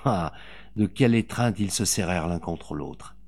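A man reading a novel aloud as an audiobook narrator, with dramatic, expressive delivery. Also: low voice, moderate pace.

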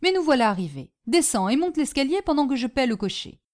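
A woman voicing a domineering, scornful older aunt who scolds and commands in sharp, mocking tones. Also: sits high, big pitch swings, quick pace, voice pushed up. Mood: stern.

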